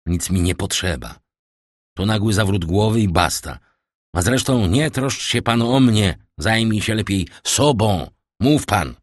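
A man's voice: deep voice, animated, a little slow, no echo, studio quality. A man voicing a tense, commanding crown prosecutor in an audiobook, stern and secretive. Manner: stern, secretive, barking orders then pleading.

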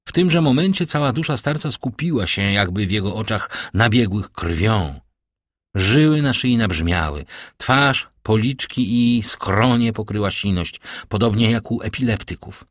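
A man narrating a classic novel as an audiobook in a measured, dramatic reading. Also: fairly low pitch, no room sound, clean studio sound.

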